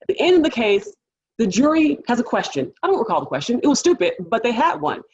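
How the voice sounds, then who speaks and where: A woman public defender telling a courtroom story to a panel audience, lively and animated, acting out the people she quotes. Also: on the high side, fast, muffled recording, a little hiss or hum.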